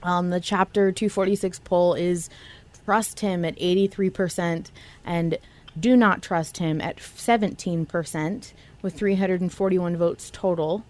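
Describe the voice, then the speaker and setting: On the low side, her voice holds a fairly even intonation at a measured pace and sounds a little mellow. As a fan podcast co-host, she talks about an audio drama in a relaxed, slangy way.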